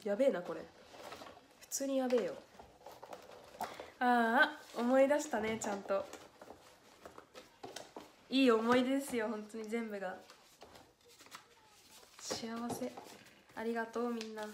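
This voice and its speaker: A woman's voice: a little high, unhurried, long pauses. A young woman chatting on a solo livestream, reading letters aloud and getting close to tears. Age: young adult. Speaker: livestream idol host. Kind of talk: casual solo livestream chat. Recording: echoey room with faint noise.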